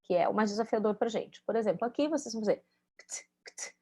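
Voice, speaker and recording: A woman's voice: medium pitch, expressive, rapid-fire, warm tone, slightly rough. A woman teaching English pronunciation in a casual spoken lesson, speaking, explaining patiently and checking in with her students as she demonstrates sounds.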